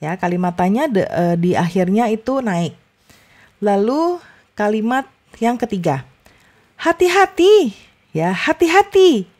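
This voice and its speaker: A young woman tutoring young children in a chatty, casual way, often adding a soft "ya" and stressing words strongly to model intonation. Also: on the low side. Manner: chatty, many fillers and tag "ya"; exaggerated emphasis when modeling intonation. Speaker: online tutor.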